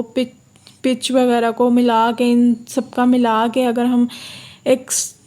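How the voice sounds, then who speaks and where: This online course tutor is a woman with a high, level, slightly mellow voice, lecturing through her course notes. She reads English lines slowly, explains them in Urdu, repeats herself, and keeps checking in with "theek hai".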